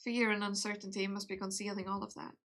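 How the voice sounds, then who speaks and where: A young woman at an ordinary, mid-range pitch reads a game's story aloud on a live stream. Her reading is slow and hushed. She keeps stopping for giggly, offhand chatter. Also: level tone. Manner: slow, soft reading broken by giggly casual asides.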